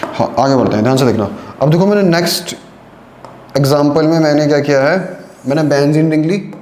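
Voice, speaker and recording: A man's voice: on the high side, brisk, darkish tone, roomy sound, a little hiss or hum. A man teaching a chemistry lesson in Hindi, explaining step by step and often checking whether students follow. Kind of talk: online lecture.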